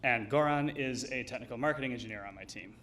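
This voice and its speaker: A man giving a live technical demo, explaining it in a hesitant, measured way. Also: medium pitch, a bit bright, slight background noise. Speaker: engineer presenting a demo.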